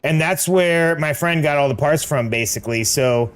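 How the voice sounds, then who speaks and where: A man's voice: on the high side, moderate pace, clean tone. A middle-aged American man chatting casually while gaming, slangy and peppering his talk with dude and like. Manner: slangy, says dude and like often. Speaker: game streamer.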